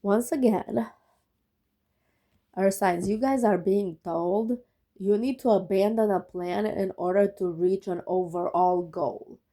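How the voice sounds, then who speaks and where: A woman's voice: medium pitch, slow pace, dark tone, low-quality recording. A woman who is sick gives a casual tarot reading to her viewers in a chatty way, often checking in with "okay?". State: sick, rough voice. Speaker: tarot reader.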